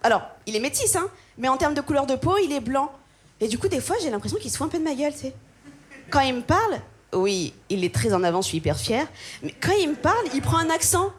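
Une jeune femme humoriste de France, qui fait un spectacle de stand-up, racontant vite et de façon animée en imitant d'autres personnes. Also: female voice, sits high, a little hiss or hum. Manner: quick, animated, acts out voices of others. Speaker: stand-up comedian. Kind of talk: stand-up comedy set.

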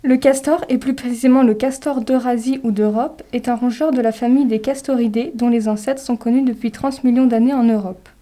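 A woman's voice: on the high side, steady tone, a little fast, hardly any pauses, warm tone. A woman co-presenting a nature radio programme, reading scripted, informative narration.

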